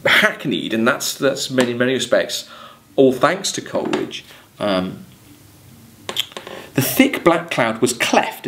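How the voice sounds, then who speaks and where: In a small plain room, an English-accented man in his thirties sits at a desk lecturing on literature. At medium pitch, he reads verse aloud and explains it in halting, exploratory phrases.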